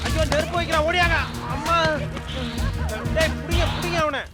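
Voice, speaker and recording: A panicked young servant, shouting in alarm and calling out in a TV serial. His voice sits high and strained. Loud dramatic music drives behind him. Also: little pitch movement, normal speed. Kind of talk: Tamil TV serial acting.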